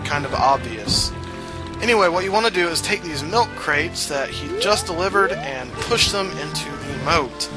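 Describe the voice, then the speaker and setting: A man's voice: fairly high pitch, low-quality recording. A man from the Southern US giving casual walkthrough commentary on a video game, full of fillers and asides. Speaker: let's play host. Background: game music.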